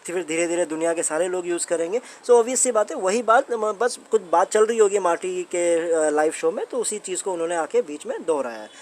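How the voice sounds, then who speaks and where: Here the same kind of speaker, a man with an Indian accent running a commentary channel about a company's updates, sounds high and expressive, with a darkish tone. He talks a little fast with few pauses, explaining things informally and conversationally. Points get repeated, and he keeps posing rhetorical questions to the audience.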